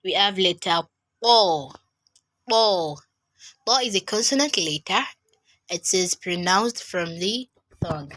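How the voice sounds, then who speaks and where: A woman's voice: on the low side, sharp tone. A woman teaching Quran recitation in an online lesson, patiently repeating each letter sound several times to demonstrate it.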